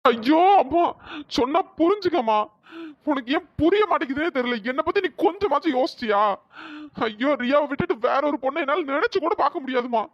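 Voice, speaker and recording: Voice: animated, fairly quick, no room sound, dull audio. A voice actor doing a wailing young cartoon husband. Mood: exasperated. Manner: wailing, exasperated pleading. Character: anxious, desperate young husband. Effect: pitch-raised voice. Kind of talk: cartoon drama dialogue.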